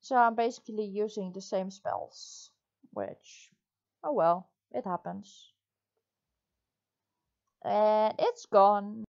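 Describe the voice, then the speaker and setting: A woman's voice: medium pitch, animated, slow, creaky, pauses often, a little mellow, lo-fi sound. A woman giving casual gameplay commentary, talking through what she is doing. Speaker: gamer commentator. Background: faint game music.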